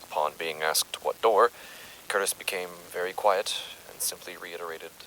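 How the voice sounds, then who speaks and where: A man's voice: low-pitched, moderate pace, bright, forceful tone, a little hiss or hum, rough recording. A man playing an uneasy, methodical doctor who records case findings formally and hesitantly in a horror audio drama. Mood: clinical, grave.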